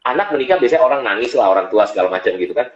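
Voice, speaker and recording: A man's voice: medium pitch, rapid-fire. A business coach tells his stories with a lot of animation, often acting out the voices of the people in them. He is a man with a mid-range voice. The recording is echoey and a little dull. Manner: animated storyteller, acts out quoted voices. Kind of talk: storytelling interview talk. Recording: echoey, dull-sounding room.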